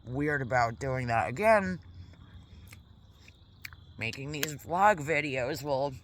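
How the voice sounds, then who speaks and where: A woman vlogging casually in a quiet park, chatting in a rambling way while she eats. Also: a bass voice, expressive, takes it slowly, a little hiss or hum. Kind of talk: casual vlog chat. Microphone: camera mic.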